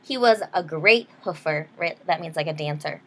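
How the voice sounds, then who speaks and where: With a low, fairly bright voice at a moderate pace, a woman reads a picture book to young listeners. She's a teacher doing storytime, giving simple explanations and checking in with questions.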